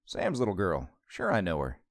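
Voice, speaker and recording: A man's voice: low voice, huge pitch swings, moderate pace, vocal fry, no echo, clean studio sound, pitched above the performer's own voice, full character voice. A man voicing a friendly, lanky sheriff's deputy, an adult man with a heavy US Southern accent and folksy, affable talk.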